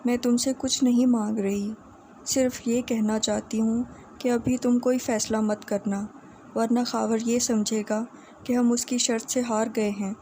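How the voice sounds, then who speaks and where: A woman's voice: fairly high pitch, flat delivery, warm tone, slight background noise, natural voice. Woman reading a proud young woman. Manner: firm, hesitant pauses.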